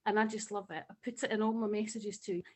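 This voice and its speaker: A woman's voice: mid-range voice, steady tone, quick pace, low-quality recording. A woman with a Scottish accent speaking passionately and emotionally on a video call, sharing a personal testimonial. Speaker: webinar participant.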